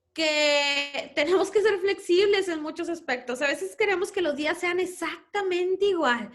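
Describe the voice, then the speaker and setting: A woman with a Mexican accent, a mother herself, explaining family topics to parents at a conference, sometimes acting out her children. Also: very high voice. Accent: Mexican Spanish. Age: adult parent. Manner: warm explanatory, acts out children's voices.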